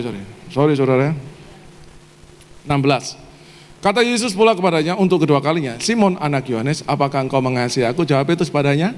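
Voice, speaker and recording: A male pastor preaching a sermon to a live congregation, often quizzing them with questions they answer aloud. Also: fairly high pitch. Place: church service hall. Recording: reverberant church hall.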